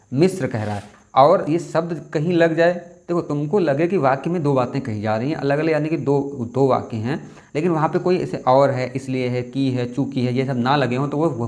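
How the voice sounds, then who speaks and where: A young man leads a casual exam-prep lesson in Hindi spelling, speaking with an average pitch. He talks conversationally, repeating each key word and reminding the listener to keep it in mind. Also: a little mellow.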